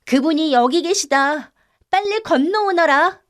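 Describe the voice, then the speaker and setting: Lady doing a sassy bold young girl, high ringing voice, bossy and teasing, audiobook. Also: lively intonation, unhurried. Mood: bold shouting. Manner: ringing, cheeky, commanding shouts. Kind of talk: audiobook character reading.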